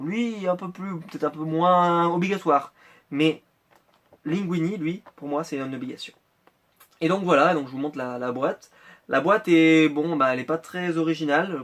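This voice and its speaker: A man from France chatting casually through an unboxing vlog, rambling and hesitating often. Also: a little high. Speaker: Funko Pop collector vlogger.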